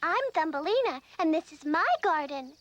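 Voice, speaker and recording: A woman voicing a tiny, sweet, polite young girl heroine in an animated cartoon, earnest and easily alarmed. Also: very high-pitched, moderate pace, no echo. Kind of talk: animated cartoon character acting. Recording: music behind, VHS cartoon soundtrack.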